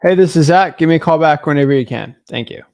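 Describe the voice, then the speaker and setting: A man's voice: fairly high pitch, fast, a little mellow. A man making cold calls who leaves a short, polite voicemail asking for a call back. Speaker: cold caller. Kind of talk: leaving a voicemail.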